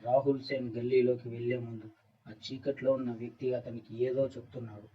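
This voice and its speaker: A man reading a scripted horror story as narrator, with an even, flat delivery. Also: mid-range voice, brisk, slightly rough. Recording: dull, distant-sounding recording.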